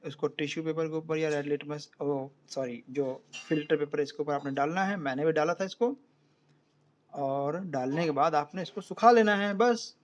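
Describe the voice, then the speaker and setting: A man with an Indian accent teaching an online science class in Hindi, explaining step by step and often checking whether students follow. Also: on the high side.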